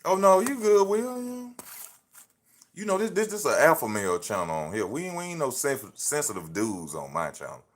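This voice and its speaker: His fairly high voice swings widely in pitch at a normal speed. He's a man in his thirties hosting a phone livestream, delivering laid-back, slangy motivation and restating points the way a preacher would.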